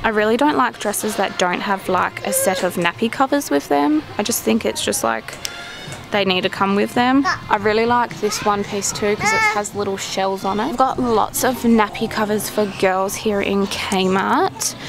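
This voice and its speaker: Music plays behind a young Australian woman whose gravelly, mid-range voice moves at a normal speed. She chats casually with gushing enthusiasm while vlogging around a busy department store. The audio comes from a handheld camera at arm's length.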